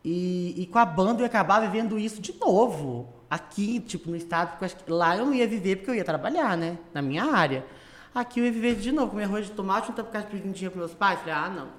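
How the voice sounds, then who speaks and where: A woman from central-west Brazil telling a story as a guest in a casual chat, animated and laughing, acting out other people's voices. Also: mid-range voice, fast talker. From Brazil, Mato Grosso do Sul.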